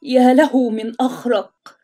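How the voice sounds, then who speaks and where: A woman's voice: on the high side, fairly even intonation, measured pace, dark tone, faint music behind. A woman doing a sneering schoolboy bully. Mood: mocking. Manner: mocking, sneering.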